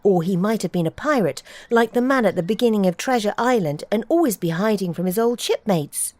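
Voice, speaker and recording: A woman's voice: mid-range voice, animated, a little fast, a little mellow, dry recording, close to an everyday voice. A woman voicing an unhappy young boy who speaks in an earnest, wound-up way. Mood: confiding.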